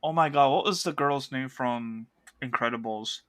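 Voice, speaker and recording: A man co-hosting a podcast in casual chat, animated and laughing as he acts out quotes. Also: medium pitch, moderate pace. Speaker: podcast co-host.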